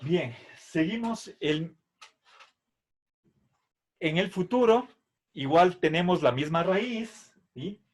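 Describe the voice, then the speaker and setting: High-pitched and expressive, a middle-aged man slowly explains Latin grammar to a class. Patiently going over verb forms one syllable at a time, he repeats them and follows each point with "¿sí?".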